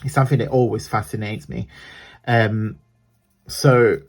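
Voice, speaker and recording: Speaking at a measured pace, this man has a fairly low voice with fairly even intonation and an Italian accent. As a craft vlogger demonstrating a tutorial, he's chatty and rambling, keeps correcting himself, and laughs a lot.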